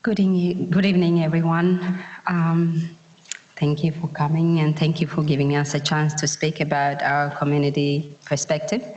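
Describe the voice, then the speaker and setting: A woman from Eritrea addresses an audience as a community consultant, keeping her pitch quite flat. She halts and searches for her words as she goes. Her voice echoes with long reverb through a large hall. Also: moderate pace, dull audio. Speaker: community health consultant speaking on a panel. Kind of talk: speaking to an audience at an education event.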